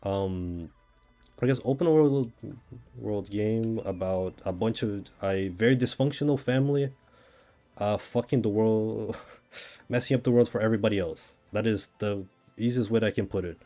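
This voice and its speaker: Faint music sits under this fairly low, mellow male voice speaking at a normal speed. He is a Brazilian gamer, Portuguese his first language, chatting loosely and musing aloud in a rambling way with a Brazilian accent.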